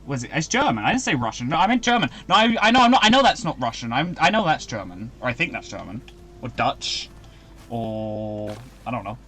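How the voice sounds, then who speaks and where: A young man chatting casually as he streams a video game, rambling and breaking into excited outbursts. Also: mid-range voice, brisk, slight background noise. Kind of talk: casual live-stream commentary.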